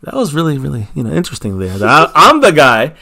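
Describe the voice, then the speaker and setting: Signing off a casual fan livestream from his small home bar, a man shouts out viewers by name, calls them "baby," and hypes up his catchphrases again and again. His voice sits a little high, with wildly swooping pitch, a quick pace, vocal fry, and a bright, forceful tone.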